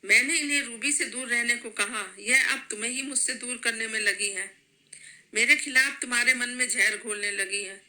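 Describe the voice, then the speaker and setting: A woman storyteller voicing an angry young wife and mother who shouts and accuses. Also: a little high, moderate pace.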